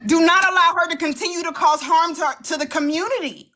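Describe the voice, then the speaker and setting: A woman's voice: very high voice, brisk, sharp tone. A confrontational woman arguing heatedly on a live panel, insistent and swearing freely.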